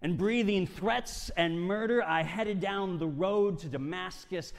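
A man's voice: high-pitched, unhurried. Dramatic male storyteller in a reverberant hall. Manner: dramatic, swinging from hushed to loud. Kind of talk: first-person dramatic monologue.

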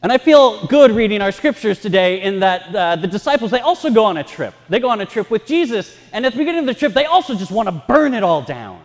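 High, animated pastor with cathedral echo. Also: male voice, fast talker, hardly any pauses. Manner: lively, self-mocking storytelling. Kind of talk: sermon with personal stories. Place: large church sanctuary. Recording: long reverb in a church hall.

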